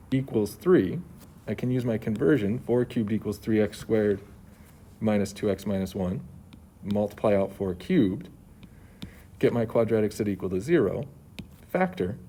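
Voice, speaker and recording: A man teaching math in a mellow, dark voice that is slightly muffled behind a face mask. He explains worked solutions step by step. There is faint noise behind him at a school. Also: fairly low pitch. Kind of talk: homework solutions walkthrough, explanatory.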